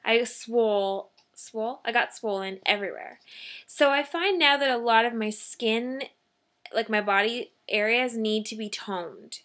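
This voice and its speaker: Young Canadian woman vlogger, high-pitched, chatty and self-deprecating. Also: measured pace, fairly bright tone. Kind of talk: casual vlog chat.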